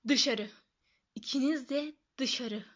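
A woman's voice: on the high side, moderate pace, a bit bright, lo-fi sound, natural voice. A woman voicing a blustering, bad-tempered middle-aged uncle who barks and snaps. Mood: furious. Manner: gruff, barking and snapping.

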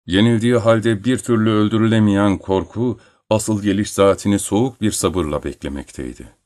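Male narrator, deep low voice, measured and solemn audiobook delivery, dry close recording. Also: a little mellow, no echo.

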